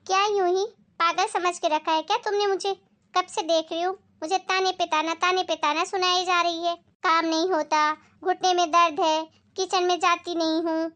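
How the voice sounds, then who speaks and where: Woman playing a scolding, high-voiced mother-in-law. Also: little pitch movement, normal speed. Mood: angry. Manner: scolding, sharp-tongued. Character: nagging middle-aged mother-in-law who avoids housework. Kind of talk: family moral skit.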